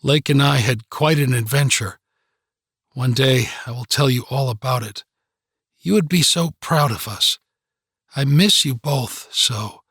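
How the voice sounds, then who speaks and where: A man voicing an earnest teenage boy who speaks softly and low to his sleeping parents in an audiobook. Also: a little slow, slightly rough, no echo, studio quality. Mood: tender. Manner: soft, low, heartfelt.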